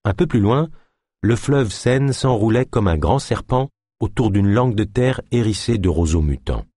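A man reading an audiobook aloud, in measured, even-paced narration. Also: lowish voice, husky, dry recording, clean studio sound.

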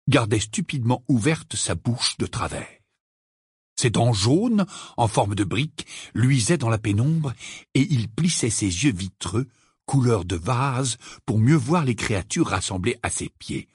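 A man reading a fantasy novel aloud as an audiobook narrator, in a dramatic, expressive way. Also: medium pitch, unhurried, husky, dry recording, studio quality. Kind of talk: scripted narration.

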